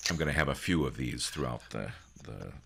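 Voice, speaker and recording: A man with an extremely deep voice hosts an online meeting over a video call. His tone is bright and forceful despite the low pitch. He talks in a folksy, joking way with plenty of ums and restarts. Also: animated, a little fast, gravelly, husky. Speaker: user group organizer and host. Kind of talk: casual online meeting presentation.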